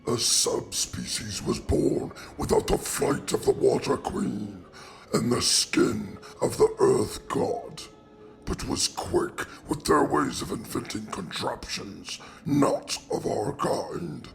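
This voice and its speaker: A man voicing a gravelly ancient oracle. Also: mid-range voice, wildly swooping pitch, faint music behind, exaggerated voice. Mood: solemn. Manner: slow, grave storytelling cadence. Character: solemn ancient godlike oracle speaking as we. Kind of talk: amateur fantasy audio drama.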